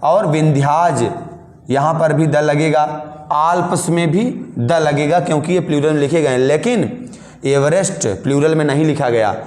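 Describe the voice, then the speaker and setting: A man's voice: a little high, moderate pace, a little mellow, roomy sound. A man teaching English grammar rules, explaining each rule again in Hindi and asking his students questions.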